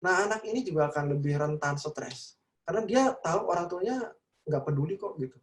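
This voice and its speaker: A man's voice: sits high, expressive, fairly quick, echoey room. A middle-aged male psychologist giving a casual online seminar talk to parents. He chats freely, tags his sentences with little check-in phrases, and acts out the voices he quotes. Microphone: video call.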